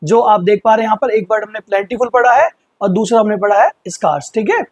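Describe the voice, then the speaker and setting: High-voiced teacher. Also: male voice, dry recording, lo-fi sound. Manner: explanatory, repeats words slowly for pronunciation. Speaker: English teacher. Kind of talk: vocabulary lesson.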